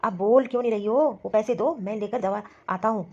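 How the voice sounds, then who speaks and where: A woman voicing a worried son and scolding husband in an animated story, talking quickly and insistently. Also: mid-range voice, highs cut off, lightly acted. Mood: concerned, scolding. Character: grown son and worried husband, office worker.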